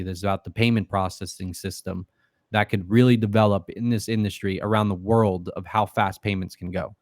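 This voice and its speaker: A man with a lowish voice talks as a podcast guest, his casual interview speech loose, profane, and packed with fillers. The studio recording is clean, with no room sound.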